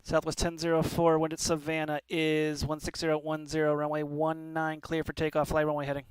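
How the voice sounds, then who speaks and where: A man's voice: fairly high pitch, monotone, fairly quick, clear, resonant tone, no echo, poor audio. A man working as an air traffic controller, giving procedural, clipped radio instructions with courteous sign-offs. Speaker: air traffic controller on a flight-simulation network.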